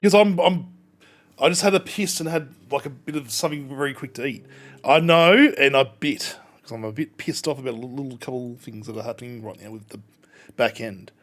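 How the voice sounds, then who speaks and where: A man with a medium-pitched voice talks casually to viewers as a game streamer. He rambles in a loose, conversational way, with a mildly exasperated edge. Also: fairly quick, fairly bright tone. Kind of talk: casual livestream chat.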